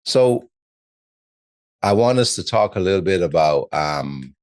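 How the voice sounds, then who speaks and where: A man from Barbados with a very deep voice hosts a podcast. He speaks casually into a dry, close mic and guides the talk toward the next topic. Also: lively intonation, a little slow, a little mellow, dry recording. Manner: affirming, steering the conversation. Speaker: podcast host.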